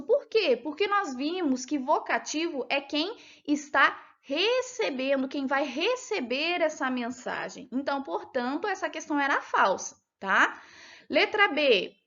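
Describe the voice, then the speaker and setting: A woman's voice: high-pitched, fairly bright tone, lo-fi sound. A woman teacher with a Brazilian Portuguese accent patiently goes over a test with young pupils step by step, often checking that they follow. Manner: patient, explains step by step, asks checking questions. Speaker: primary school teacher. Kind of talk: recorded lesson going over a test.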